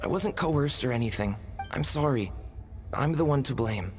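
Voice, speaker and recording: A man voices a meek, insecure young video game character. His middling voice is earnest and hesitant, apt to stammer and apologise. Music plays clearly behind him. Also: mid-range voice, expressive, moderate pace, natural voice. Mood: earnest, apologetic.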